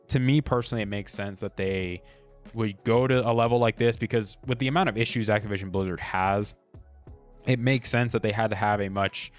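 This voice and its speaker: A man hosting a podcast, talking without a script in a blunt, opinionated, conversational way with many fillers. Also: fairly low pitch. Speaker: podcast host. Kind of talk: unscripted solo commentary.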